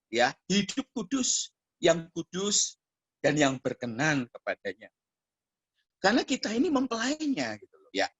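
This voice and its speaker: A man's voice: a little high, a little slow, slightly rough, muffled recording. A male pastor preaching a sermon and telling a story, acting out the voices of the people in it. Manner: animated, acts out voices of people in his stories.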